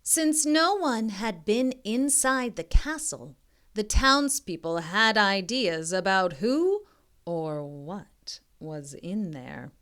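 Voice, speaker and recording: Reading a children's picture book aloud, a female tutor keeps an unhurried pace while her pitch swings up and down in a lively way. She frequently pauses to ask the young listener questions and prompt them, guiding expressively.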